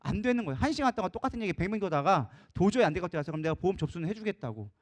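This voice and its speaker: A male pastor preaching in a church service, recounting a story with animated energy. His voice sits high for a man and swings widely in pitch. He talks quickly and acts out each exchange. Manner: animated, acts out quoted dialogue. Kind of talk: storytelling sermon.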